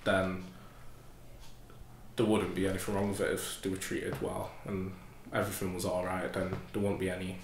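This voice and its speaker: A twenty-year-old man giving unsure interview answers, slow and drawn out. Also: low-pitched, monotone, reverberant, slight background noise. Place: indoor room, seated in armchair.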